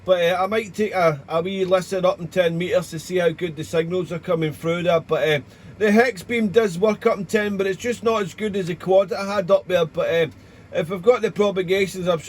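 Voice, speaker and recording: A man speaking as an amateur radio operator in a chatty, rambling, courteous way, with call signs and radio procedure words. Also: sits high. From Wales, United Kingdom. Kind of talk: casual ham radio contact with call signs.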